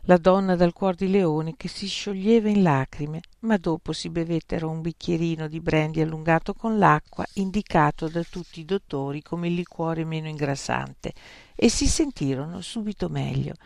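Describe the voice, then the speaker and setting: An audiobook narrator reading a story in a measured storytelling manner. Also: medium pitch, vocal fry, a little mellow, no echo, clean studio sound. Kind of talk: scripted narration.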